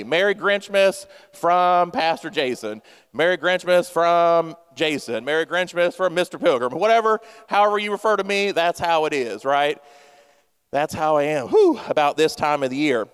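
In a church sanctuary awash in long reverb, a man in his thirties preaches with humor, teasing himself and talking directly to his congregation. As a pastor, his voice sits high and sounds smooth and fairly bright.

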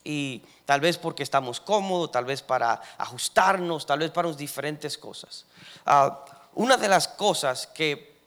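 A man's voice: a little high, measured pace, a bit bright. Young male pastor preaching conversationally. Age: young adult. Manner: conversational storytelling, many fillers and rising emphasis. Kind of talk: sermon.

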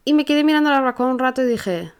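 A young woman with a Spain Spanish accent, hosting a podcast and telling a personal story in a casual, animated way, often restarting her sentences. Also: sits high, smooth. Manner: animated, rushes and restarts while telling an anecdote. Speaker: podcast host.

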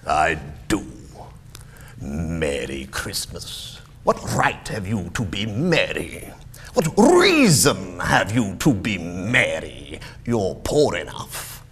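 A man's voice: sits low, huge pitch swings, slow, a bit bright, a little hiss or hum, full character voice. Man as Scrooge, grating, bitter old miser. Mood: scornful. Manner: curt, scornful grumbling. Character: bitter, tight-fisted, cold-hearted old male miser. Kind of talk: storybook character voice in dramatic reading.

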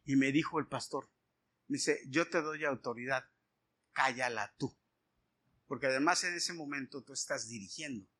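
Preacher guy, middle-aged, telling a story in a sermon, acts out what people said, bright voice. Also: medium pitch, moderate pace, husky. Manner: animated storytelling, acting out dialogue.

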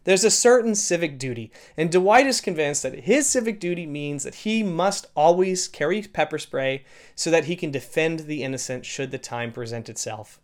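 Male pastor from Canada, somewhat higher voice, sermon delivery with animated storytelling. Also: moderate pace. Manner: storytelling, rising to loud acted quotes.

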